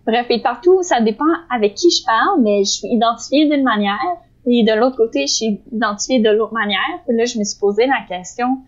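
A woman's voice: fairly high pitch, fairly quick. A woman with a Québécois accent, talking casually and reflectively as a podcast co-host, hesitating often and laughing easily. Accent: Québécois French. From Quebec. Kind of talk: casual conversation. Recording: slightly dull lo-fi sound.

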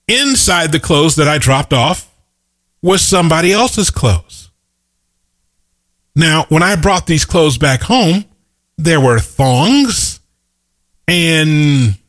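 A man's voice: on the high side, very animated, slow pace, pauses often, fairly bright tone. A middle-aged man giving an emphatic motivational talk, repeating his key points and telling stories. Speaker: motivational speaker. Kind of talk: motivational monologue.

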